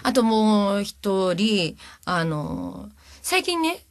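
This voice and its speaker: Cheerful woman, lively pitch. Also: extremely slow, no room sound, clean studio sound. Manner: cheerful, laughs often, playful. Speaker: voice actress in a talk session. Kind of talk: casual chat.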